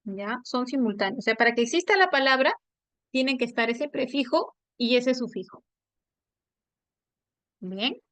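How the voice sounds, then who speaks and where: A woman teaching a language class online, explaining step by step and checking understanding with quick tag questions. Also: fairly high pitch, animated, fairly bright tone, no echo.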